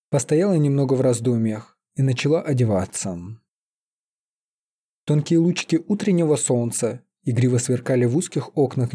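A man calmly reading a fantasy story aloud as an audiobook narrator. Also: mid-range voice, slightly rough. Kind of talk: scripted narration.

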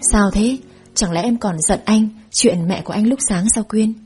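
A woman's voice: mid-range voice, normal speed, darkish tone, slightly rough. A woman voicing an affectionate young man who coaxes his girlfriend. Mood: coaxing. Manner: coaxing, affectionate.

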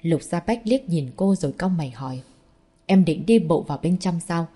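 A woman reading a serialized romance story aloud, narrating and voicing every character in an even, steady manner. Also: lowish voice, normal speed, slightly rough. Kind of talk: scripted audiobook narration.

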